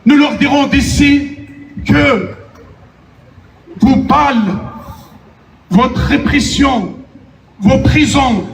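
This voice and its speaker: A man giving a militant rally speech, declamatory, with shouted emphasis. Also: very high voice. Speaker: activist, rally speaker. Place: outdoor demonstration, amplified mic. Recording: echoey distant rally PA, faint noise.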